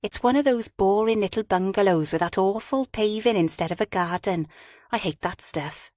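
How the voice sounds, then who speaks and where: A woman's voice: medium pitch, normal speed, darkish tone, no room sound, clean studio sound, lightly acted. A woman voicing a frank, chatty friend. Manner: frank, teasing, talkative.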